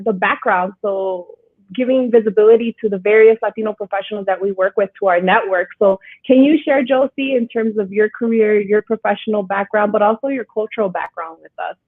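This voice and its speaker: A woman's voice: on the high side, no room sound. A woman hosting a livestream interview, upbeat and inviting, with some fillers. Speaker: livestream host. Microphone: video call. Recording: dry, phone-like video call audio.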